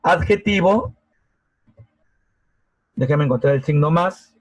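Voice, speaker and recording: Over a video call, a man with a slightly high voice teaches an online grammar class, going slowly and patiently and often checking that students are following. The sound comes from a laptop mic, rough but without echo.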